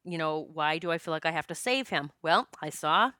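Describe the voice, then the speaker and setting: Her voice sits low, clear and resonant with a sharp edge, lively intonation and a moderate pace, recorded in clean studio sound without room noise. She is a past life regression practitioner in her fifties, telling stories with quoted dialogue in a chatty, joking spiritual monologue.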